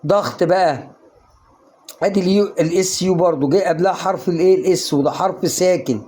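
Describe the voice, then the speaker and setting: A man's voice: high-pitched, fast talker, a little mellow, husky. An Egyptian man teaching English pronunciation in a casual online lesson, coaxing the viewer with questions he answers himself. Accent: Egyptian Arabic.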